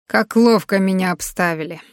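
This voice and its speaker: A woman reading the part of a bitter, scornful young man in an audiobook, lowering her voice and sneering. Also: normal speed, no room sound, clean studio sound, natural voice.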